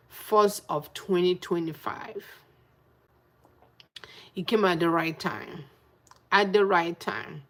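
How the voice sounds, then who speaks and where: Lady vlogging w a stuffy nose, talks slow and hammers her points again and again. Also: on the low side, a bit bright. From Nigeria. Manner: emphatic, repeats phrases for effect. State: blocked nose from the cold. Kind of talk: casual chat to camera.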